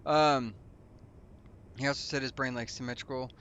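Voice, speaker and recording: A man's voice: medium pitch, fairly even intonation, normal speed, fairly bright tone, dull audio, slight background noise. Rambling, chatty let's-play guy. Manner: rambling and chatty, loose asides and self-mockery. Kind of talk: casual gaming commentary.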